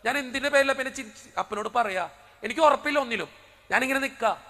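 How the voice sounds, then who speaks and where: A priest preaching a sermon as a personal story, acting out the dialogue with drama. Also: male voice, very high-pitched, fast, pushed and bright, in a large hall.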